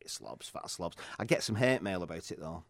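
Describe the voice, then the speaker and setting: A man's voice: low-pitched, big pitch swings, moderate pace, gravelly. A man with a northern English, Lancashire accent chats casually and comically, in a jokey, irreverent way. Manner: jokey, irreverent, often chuckling through words. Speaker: comedian guest.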